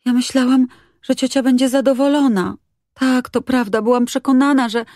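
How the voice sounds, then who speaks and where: A woman's voice: mid-range voice, expressive, moderate pace, darkish tone, no echo, studio quality, voice pushed up, lightly acted. A woman reading an audiobook, voicing a cheerful, chatty little girl who talks eagerly.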